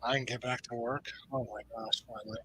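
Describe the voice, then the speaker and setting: A man's voice: mid-range voice, a little fast, slightly rough, poor audio. A middle-aged man from the United States hosting a casual movie watch party chat, telling stories animatedly. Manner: animated storyteller, acts out quoted voices.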